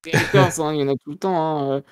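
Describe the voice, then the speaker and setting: Low-voiced woman gushing on a podcast. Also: steady tone, fast talker, clean tone. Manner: enthusiastic, gushing, many fillers. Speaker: podcast co-host. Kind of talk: casual podcast chat.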